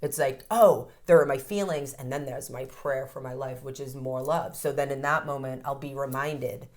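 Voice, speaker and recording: A woman in her thirties with a very deep voice speaks at a moderate pace. She's a codependency counselor appearing as an interview guest, candid and animated, swearing freely in casual conversation.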